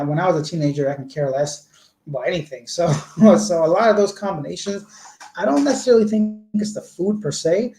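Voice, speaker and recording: This man from Canada speaks in a mellow, somewhat high voice as he vlogs live from an indoor room at home. He responds to viewers' comments with lengthy, meandering explanations, and the room gives off noticeable echo.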